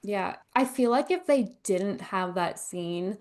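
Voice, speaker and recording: A woman's voice: medium pitch, slow pace. A woman guest in a casual interview, animatedly retelling events and acting out quotes. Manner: animated storytelling with acted-out quotes. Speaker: guest, gardener.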